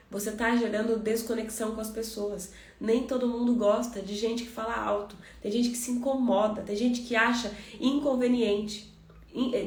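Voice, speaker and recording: Fast-talking Brazilian woman coaching. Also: fairly high pitch, reverberant. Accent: Brazilian Portuguese. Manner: fast-talking, direct, addresses listener as friend. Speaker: communication coach. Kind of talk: motivational podcast talk.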